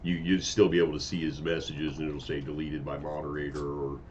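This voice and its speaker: A man co-hosting a casual chat, easygoing and quick to laugh. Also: very deep voice, flat delivery, darkish tone, slight background noise. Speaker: co-host. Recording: dull lo-fi sound, faint ambience.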